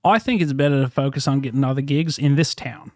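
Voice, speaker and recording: A man playing a comedian persona with a put-on Australian accent, deadpan and staying in character. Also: mid-range voice, fast, no echo, clean studio sound, pitched below the performer's own voice, close to an everyday voice. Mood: smug. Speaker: comedian guest.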